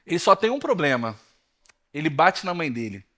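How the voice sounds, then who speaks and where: A man in his thirties with a Brazilian Portuguese accent, preaching a sermon in a church and telling stories lively to the congregation, whom he calls brothers. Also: on the high side, normal speed. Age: 30s. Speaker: pastor.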